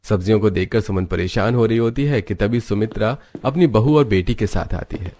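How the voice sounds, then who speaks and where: Reading scripted narration for a moral story, this man has a fairly low, somewhat mellow voice and moves at a fairly quick pace.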